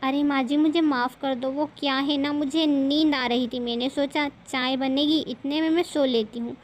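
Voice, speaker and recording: A woman's voice: high voice, fairly even intonation, moderate pace, slight background noise, natural voice. A woman voicing a sleepy, apologetic young wife who pleads meekly.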